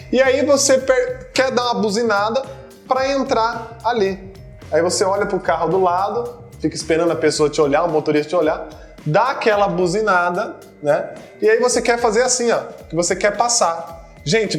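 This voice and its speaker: A man with a Brazilian Portuguese accent teaching a video lesson, playfully acting out little everyday scenes. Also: high-pitched.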